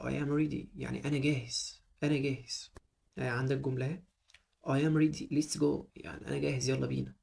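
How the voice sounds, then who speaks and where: Egyptian male teacher, casual lesson delivery, rough gravelly voice, drills each phrase by repetition. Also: medium pitch, darkish tone. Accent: Egyptian Arabic. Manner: repeats each phrase slowly several times. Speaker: English teacher.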